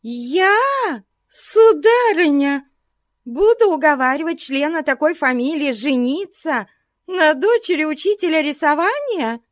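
A woman's voice: high voice, expressive, unhurried, dry recording, clean studio sound, pitched above the performer's own voice. Woman doing a gushing, scheming middle-aged lady. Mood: sugary. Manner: gushing, falsely solicitous. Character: scheming, sugary middle-aged clergyman's wife.

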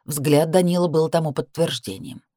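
A woman narrating a novel in the first person with tense, measured storytelling. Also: deep voice, lively intonation, mellow, no echo, clean studio sound. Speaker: audiobook narrator.

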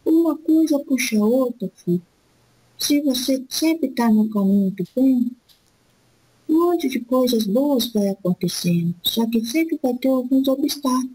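Woman channeling an elderly spirit guide, spiritist session, husky, dark-toned, higher voice, repeats "my son", slow soothing counsel. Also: lively intonation, full character voice, poor audio. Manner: calls the listener "my son" after nearly every phrase; slow, repetitive, soothing advice. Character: elderly wise spirit guide, gentle and fatherly.

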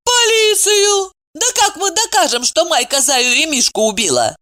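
A woman's voice: high-pitched, huge pitch swings, moderate pace, sharp tone, voice pushed up, full character voice. A woman voicing a sly, gossipy woman friend who needles and nags. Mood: needling.

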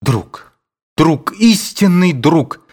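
Brief: ardent young hero, voiced by a male reader, effusive, animated pitch. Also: slow pace, husky, exaggerated voice. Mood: fervent. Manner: fervent, effusive. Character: young man, ardent, emotional departing son.

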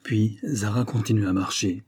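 Dark, husky-voiced male narrator. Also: fairly low pitch, fairly even intonation, normal speed. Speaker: audiobook narrator. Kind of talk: scripted novel narration.

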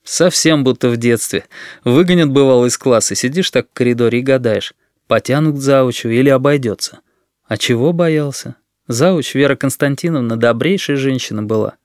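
Man playing a kindly middle-aged police captain, measured and gentle, for a storybook reading. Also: medium pitch, no echo, clean studio sound, close to an everyday voice. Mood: calm.

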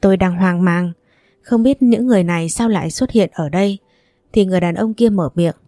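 A woman narrating a first-person story in a calm, steady reading voice. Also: fairly low pitch, a little fast, no echo, studio quality.

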